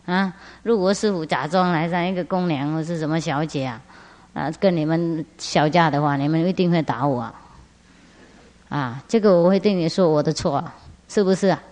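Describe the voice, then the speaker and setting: A woman's voice: low-pitched, moderate pace, a little mellow. A woman spiritual master giving a Buddhist teaching talk, laughing often and asking rhetorical questions. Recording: long hall reverb.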